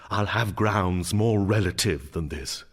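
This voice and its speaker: A man playing a brooding, grieving young prince in a Shakespearean drama, with a theatrical, emphatic delivery that moves between hushed and declaiming. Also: deep voice, unhurried. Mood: calculating. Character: grieving, brooding young prince Hamlet, self-lashing and vengeful.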